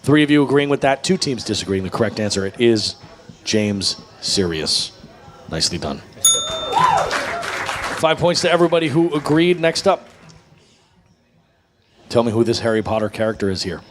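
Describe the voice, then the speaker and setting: Reading quiz questions into a table microphone at a burger bar, a man hosts pub trivia at a normal speed with a medium pitch, pausing often. He's lively, laughs a lot, and teases the teams with casual banter while music plays behind him.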